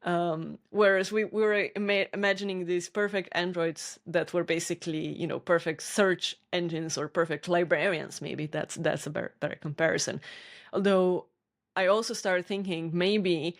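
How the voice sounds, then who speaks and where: A woman's voice: fairly low pitch, fairly even intonation, normal speed. A woman co-hosting a casual podcast, talking thoughtfully with frequent restarts and small laughs. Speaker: podcast co-host.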